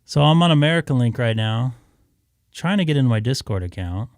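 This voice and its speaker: A man's voice: mid-range voice, expressive, fairly quick, no room sound, studio quality. A man hosting a live stream, chatting casually and offhand as he thinks aloud.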